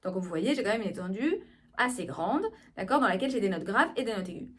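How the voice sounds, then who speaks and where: A woman speech therapist giving an explanatory video lesson on voice, lively and often checking in with her listeners. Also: medium pitch, fast, husky.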